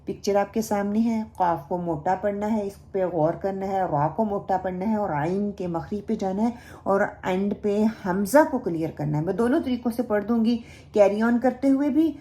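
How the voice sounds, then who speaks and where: A woman's voice: mid-range voice, dark tone. A woman teaching Quran recitation in a recorded lesson, patiently explaining each sound step by step and modelling it herself.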